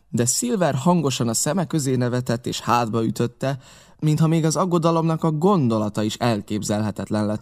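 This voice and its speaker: A man reading a novel aloud as an audiobook narrator, measured and steady. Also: medium pitch.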